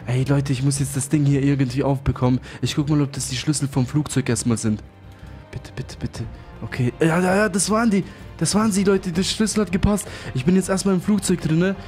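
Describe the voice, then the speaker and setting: A young man giving excitable commentary on his role-play game, repeating exclamations. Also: fairly high pitch, quick pace, soft background music. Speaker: gaming YouTuber.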